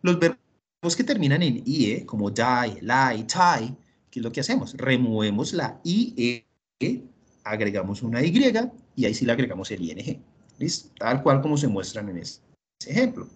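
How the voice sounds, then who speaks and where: Patient, husky-voiced male teacher. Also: mid-range voice, very animated, moderate pace. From Colombia. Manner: patient, repeats rules step by step, often asks "¿listo?". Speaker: English teacher. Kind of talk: recorded online English lesson.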